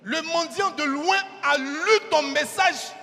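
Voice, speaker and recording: A man preaching a sermon in a fervent, shouting style with dramatic repetition. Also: very high-pitched, takes it slowly. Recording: reverberant hall with faint music.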